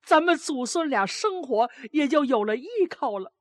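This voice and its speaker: A woman's voice: sits high, lively intonation, normal speed, no room sound, pitched above the performer's own voice. A woman voicing a grieving old grandmother who scolds, then pleads with remorse. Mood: remorseful.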